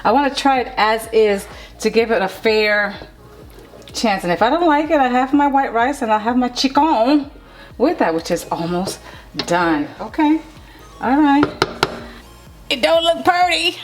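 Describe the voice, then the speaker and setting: A woman's voice: a little high, normal speed, faint music behind. A woman talking casually as she cooks in her home kitchen, playful and chatty, and closing with a blessing. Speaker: cooking vlogger. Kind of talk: casual cooking vlog. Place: home kitchen under hot lights.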